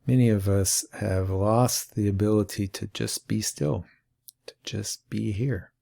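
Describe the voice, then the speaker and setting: A mindfulness teacher with a low, gravelly voice leads an awareness lesson, speaking very slowly and calmly with long pauses. His tone is mellow and dark, patient and unhurried.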